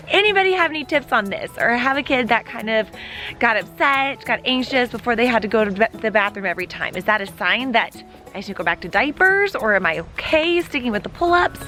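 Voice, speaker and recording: A woman's voice: a little high, pushed and bright. A young woman and mother talking candidly in a casual home vlog, sometimes praising her toddler in a sing-song voice. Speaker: mother and vlogger.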